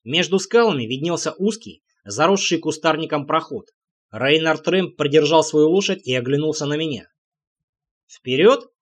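A man tells a medieval fantasy story in the first person, in a measured audiobook reading. His voice sits a little high for a man. He reads the characters' lines himself and only shifts his delivery slightly for them. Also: expressive. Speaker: audiobook narrator.

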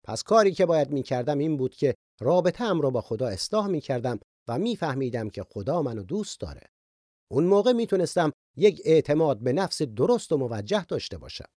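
A man's voice: on the high side, sing-song, dark tone, dry recording, studio quality. A man giving an earnest, reflective Bible lesson in sermon style, sharing personal stories. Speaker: Bible teacher.

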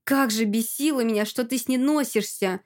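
A woman's voice: moderate pace, darkish tone, close to an everyday voice. A woman voicing an envious, spiteful young woman who hisses and mocks her friend. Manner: hissing, shrill, mocking.

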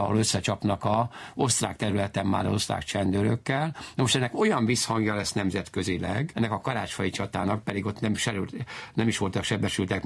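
In an unscripted interview, a historian explains historical matters in a halting, wandering way, frequently correcting himself. His voice is fairly low-pitched, creaky and husky.

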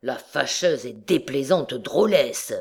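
A woman's voice: extremely low pitch, animated, slow, gravelly, slightly rough, full character voice. A woman doing a peevish hungry old judge.

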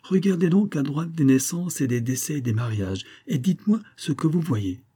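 A man reading the part of a scheming, smooth-talking middle-aged army major, pompous and theatrical, mock-affectionate toward his wife. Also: a little high, expressive, moderate pace, warm tone, pitched above the performer's own voice.

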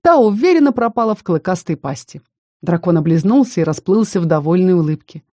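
A woman's voice: lowish voice, expressive, fairly quick, mellow, dry recording, clean studio sound. A woman narrating a fantasy story in the first person, telling it expressively. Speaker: audiobook narrator.

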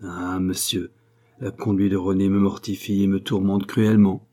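A man's voice: mid-range voice, moderate pace, dark tone, husky, natural voice. A man reading the part of a haughty, anxious mature mother who speaks bitterly about her son. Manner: bitter, imperious.

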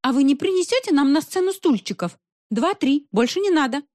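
A woman voicing a fussy, bossy elderly woman who organizes a concert, talking shrill and loud. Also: expressive, fairly quick, dry recording, studio quality.

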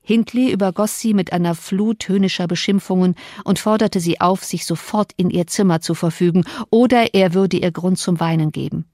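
A woman narrating an audiobook in an even, measured reading. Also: lowish voice, no echo, studio quality. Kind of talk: scripted narration.

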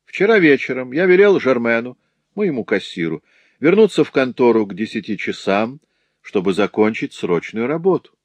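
A man's voice: mid-range voice, very animated, moderate pace, no echo, pitched above the performer's own voice. A man reading a story aloud, voicing a lecherous male master who mocks and threatens a young woman. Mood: sneering menace. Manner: sneering, taunting.

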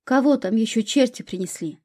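Woman reading a rough stepmom yelling at people, husky voice. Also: a little high, expressive, fairly quick. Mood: scolding. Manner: coarse, scolding, shouting. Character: stern harsh young stepmother, scolding.

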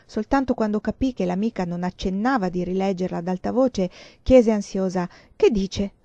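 Woman reader, literary narration, measured, mellow, lo-fi. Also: medium pitch, dry recording. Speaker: audiobook reader. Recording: dull lo-fi recording.

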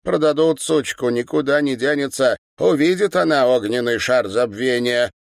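A man's voice: medium pitch, normal speed, creaky, no echo, studio quality, voice pushed up, lightly acted. A man reading an audiobook, voicing a spiteful young man who speaks with a sneering, gloating manner.

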